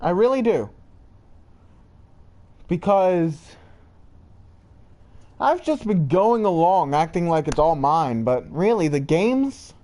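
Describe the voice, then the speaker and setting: A young man rambling slowly through the backstory of his online persona, halting and searching for words, his pitch jumping up and down. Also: sing-song, warm tone. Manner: rambling, halting, jumps between high and low pitch. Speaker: channel creator. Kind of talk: rambling lore monologue.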